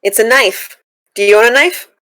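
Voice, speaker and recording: A woman's voice: fairly high pitch, moderate pace, pushed and bright. A woman speaking in character as a player in a tabletop game, dry and matter-of-fact.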